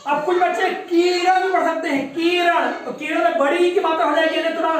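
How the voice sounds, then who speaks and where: Woman teacher, high voice, drills children by repetition, distant echoey classroom sound. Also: fairly even intonation, fast talker, crowd noise. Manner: patient, repeats words and quizzes children. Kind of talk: classroom lesson.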